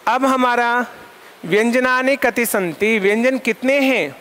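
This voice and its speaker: A male Sanskrit lecturer teaching a class, asking questions and answering them himself, repeating terms in lists and dictating definitions slowly for notes. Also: extremely high pitch, fairly bright tone.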